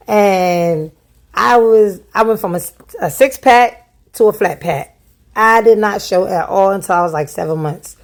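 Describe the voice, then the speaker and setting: A young woman from New tells a personal storytime in loose, animated chat. She slips into the voices of the people she quotes and laughs at her own mistakes. Her voice sits at a middle pitch. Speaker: vlogger telling a life story. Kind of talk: casual storytime.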